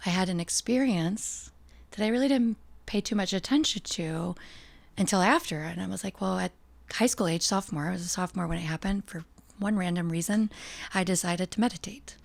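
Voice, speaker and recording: A middle-aged American woman from the United States speaks as a guest on a podcast in casual interview talk. Her voice is fairly low, brisk, and creaky, and she comes across as reflective and earnest, laughing easily.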